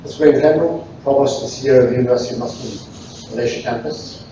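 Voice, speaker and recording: Man, formal podium speech, deliberate ceremonial address, far from the mic, noisy hall recording. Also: mid-range voice, dark tone. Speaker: university vice chancellor. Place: large hall over a PA at a graduation ceremony. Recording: very echoey hall, distant, muffled, noisy.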